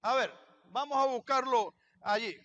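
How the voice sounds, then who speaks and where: High-voiced man preaching a sermon. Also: measured pace, fairly bright tone, lo-fi sound. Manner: preaching, asks the congregation questions and answers them. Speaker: pastor. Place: church.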